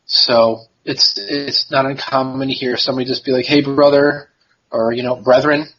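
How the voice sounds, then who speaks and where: A man answering as an interview guest, explaining things in a relaxed, easygoing, informal way. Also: medium pitch, moderate pace, slightly rough. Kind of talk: casual explanatory chat. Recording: dull lo-fi sound.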